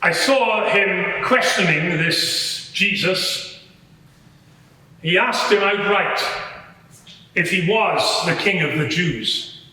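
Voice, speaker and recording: In a large courtroom in a public building, a man plays a matter-of-fact Roman soldier testifying at a dramatised inquiry before a live audience. His heavily acted voice is high-pitched and sharp, and he explains things in a measured, slightly hesitant way. The hall is very echoey.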